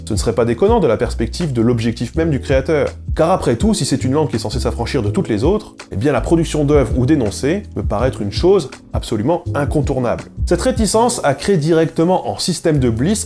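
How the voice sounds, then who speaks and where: Fast-talking mellow male explainer. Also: medium pitch. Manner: brisk, with wry ironic asides. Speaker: YouTube linguistics host. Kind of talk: scripted educational narration.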